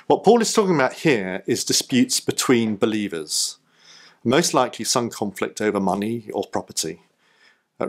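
A man preaching a sermon in church, emphatic and full of rhetorical questions, his pitch jumping up on key points.

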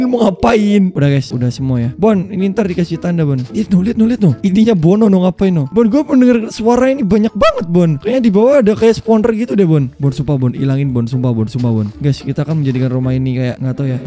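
A young man doing excitable, slangy let's-play commentary, bantering with a teammate and yelping at the game. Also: sits high, quick pace, few pauses. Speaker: gaming YouTuber.

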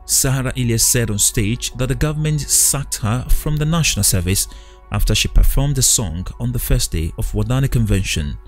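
A man narrating a news documentary in a measured, even reading voice. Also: medium pitch, faint music behind. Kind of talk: scripted news voice-over.

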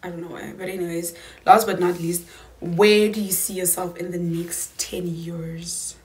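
This YouTuber, a South African woman of twenty, has a lowish, level voice and talks a little slowly during a casual Q&A vlog from a small room. There's slight background noise as she chats emphatically to camera with slangy asides.

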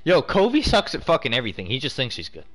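Animated young man, crude gamer banter. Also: mid-range voice, fast, soft background music. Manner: crude, heavily sweary banter. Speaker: online hockey game player. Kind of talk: casual gaming chat.

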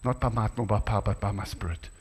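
A middle-aged man preaching a sermon in a church, animated, rising to exclamations and acting out dialogue. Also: fairly low pitch, quick pace, breathy edge. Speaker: guest preacher. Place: church hall. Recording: church hall with long reverb.

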